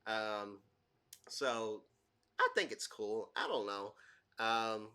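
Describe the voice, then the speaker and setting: A man's voice: on the low side, slow, sharp tone, clean tone. A young man casually rambling through let's play commentary, full of fillers and self-deprecating asides. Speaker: gaming channel host.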